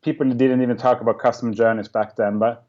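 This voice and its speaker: A man's voice: medium pitch, fairly even intonation, fast talker, darkish tone, highs cut off. A man giving casual, reflective, plain-spoken interview answers as a podcast guest. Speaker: podcast guest, design director.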